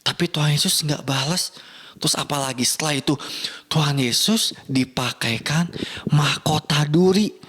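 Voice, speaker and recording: A young man teaching children in church, telling a Bible story in an animated, playful way and asking the kids questions. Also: fairly high pitch, normal speed, slightly rough.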